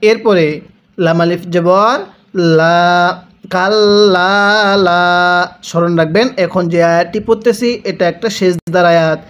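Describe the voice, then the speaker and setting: A Quran reading teacher who spells out each syllable and then has listeners repeat after him, in a slow, measured lesson. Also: mid-range voice, fairly even intonation.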